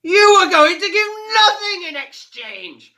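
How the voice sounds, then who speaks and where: Razvani, a booming fire fiend. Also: male voice, very animated, unhurried, pushed and bright, exaggerated voice. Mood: mocking. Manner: booming, mocking laughter. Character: roaring laughing male fire spirit, mocking.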